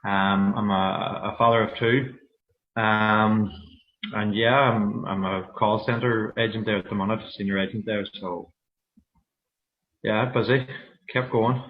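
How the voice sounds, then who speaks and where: A man with a Donegal Irish accent, speaking candidly and haltingly as a guest in a casual interview. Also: fairly low pitch, fairly even intonation. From Donegal, Ireland. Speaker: interview guest, fitness programme client. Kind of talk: casual personal interview on a livestream. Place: online video meeting. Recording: muffled, lo-fi video call audio.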